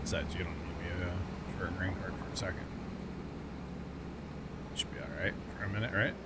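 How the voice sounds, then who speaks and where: With game vehicle engine sounds in the background, a middle-aged man hosts a gaming livestream in casual conversation. His voice sits low at a normal pace as he teases his co-player, jokes and hums along.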